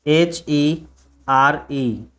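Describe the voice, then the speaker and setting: An English teacher gives a classroom pronunciation lesson in a slightly high, somewhat bright voice. He spells words out letter by letter and drills them slowly, posing questions to the class and answering them himself.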